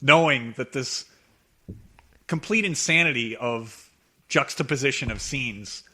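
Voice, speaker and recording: Bright-voiced man co-hosting a podcast. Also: medium pitch, a little slow. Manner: animated, builds jokes with mock quotes. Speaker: podcast co-host. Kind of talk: casual chat about a movie.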